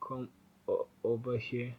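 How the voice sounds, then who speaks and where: A man gives a casual, meandering coding tutorial over a screen recording, often correcting himself as he types. His medium-pitched voice stays fairly even and unhurried. The audio is narrow and tinny, with slight background noise.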